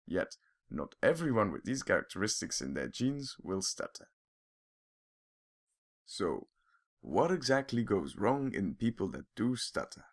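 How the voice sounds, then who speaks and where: A man giving calm, clear scripted narration for an animated explainer, explaining step by step. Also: fairly low pitch, unhurried, long pauses.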